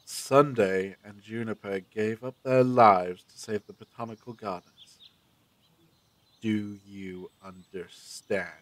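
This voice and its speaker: A man playing a brisk, secretive time-travelling adventurer in an audio drama, with a commanding, theatrical, abrupt manner. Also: lowish voice, steady tone. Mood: grave, insistent.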